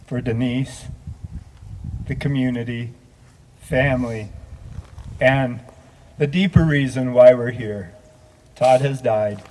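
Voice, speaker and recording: A man, a multi-faith minister, speaking gently and from the heart at a memorial service, telling a story and leading a prayer. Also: medium pitch, poor audio.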